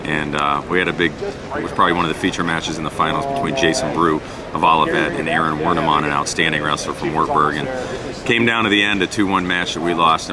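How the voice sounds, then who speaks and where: A middle-aged man answering interview questions in an earnest, conversational way as a sports announcer and former coach. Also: rumbling low.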